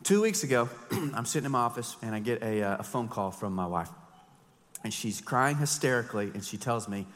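A man in his thirties, a pastor preaching an animated, joking sermon with emphatic storytelling. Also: medium pitch, fairly quick, big-room sound. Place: church sanctuary.

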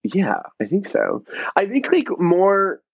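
A man's voice: high voice, huge pitch swings, slow, creaky, breathy edge. A man from Georgia in casual chat, rambling and full of fillers like "like". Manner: rambling, filler-heavy with many likes. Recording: dull lo-fi sound.

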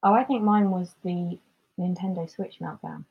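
A woman co-hosting a podcast in casual chat, talking in an animated way and acting out quotes in mock voices. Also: on the low side, normal speed, creaky, husky, phone-quality sound. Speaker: podcast co-host.

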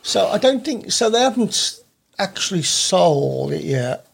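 A man's voice: high voice, very animated, a little slow, gravelly, breathy edge. A middle-aged man co-hosting a podcast, laid-back in casual comedy banter, often trailing off into short mumbled replies. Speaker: podcast co-host.

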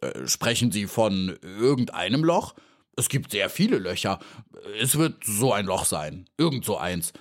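A man's voice: fairly low pitch, sing-song, unhurried. A man voicing a vain, cowardly male dung beetle in a storybook reading, drawn out, whiny and pompous. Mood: evasive.

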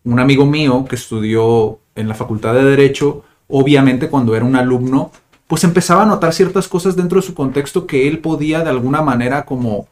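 A man, a translator who hosts the show, talking in a relaxed, conversational way. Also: mid-range voice, fairly quick. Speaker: podcast host, translator. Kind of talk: casual podcast chat.

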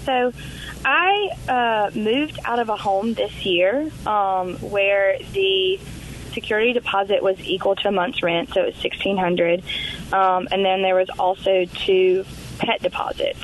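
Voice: medium pitch, a little hiss or hum. A caller on a phone line asking a radio show a question, hesitant with many fillers. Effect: heard over a phone line.

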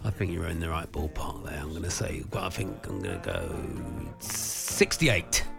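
A man's voice: deep voice, very animated, normal speed, gravelly, music in the background. A male comedian playing as a radio game contestant, chatting and bantering casually.

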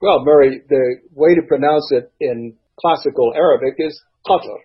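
An older man, a former ambassador, explaining in a measured way in a recorded interview clip. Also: medium pitch, slightly rough. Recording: slightly dull, lo-fi sound.

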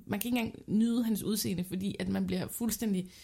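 A woman's voice: mid-range voice, fairly even intonation, vocal fry, dark tone, husky. A woman, telling stories as a podcast co-host in a candid, self-mocking, colloquial way. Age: 30s. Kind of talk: casual confessional chat and storytelling.

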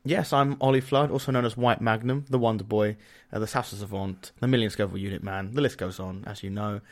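A man's voice: on the low side, fairly even intonation, fast, darkish tone. A young man co-hosting a podcast in casual, jokey banter, laughing often. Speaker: podcast co-host.

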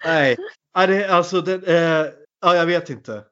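A man's voice: a little high, fairly bright tone, muffled recording. A man in a casual chat, animatedly retelling a film with many fillers.

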